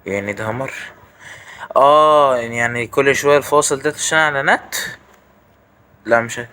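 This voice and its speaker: A man's voice: medium pitch, normal speed, sharp tone, smooth. A man with an Egyptian accent giving casual, jokey let's-play commentary, chatting straight to his viewers. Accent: Egyptian Arabic. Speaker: gaming YouTuber.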